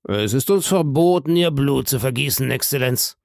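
A man's voice: medium pitch, lively intonation, creaky, a little mellow, dry recording, voice pushed up. A man voicing a cool bandit chief. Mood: calm. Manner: unhurried, dry and mockingly courteous. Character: calm, cool male bandit chief, phlegmatic and polite. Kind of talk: audiobook reading.

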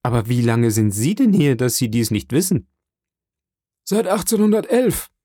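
A man's voice: medium pitch, big pitch swings, moderate pace, dark tone, no room sound, clean studio sound. A man voicing an old male prisoner who speaks from behind a wall and asks terse, urgent questions. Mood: probing.

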